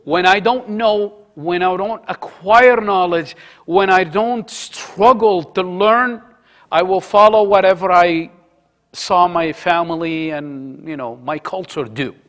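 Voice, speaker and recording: A man's voice: high voice, slow, fairly bright tone. A man teaching a religious study circle in a conversational way, asking his listeners questions, repeating key phrases and mixing in Arabic words. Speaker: halaqa teacher.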